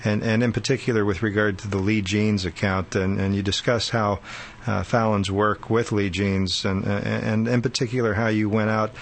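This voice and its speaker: A radio co-host with a lowish male voice. He asks long, winding questions. His speech is full of "uh"s and false starts as he works his way toward the point. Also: level tone, normal speed. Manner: rambling, many fillers and restarts.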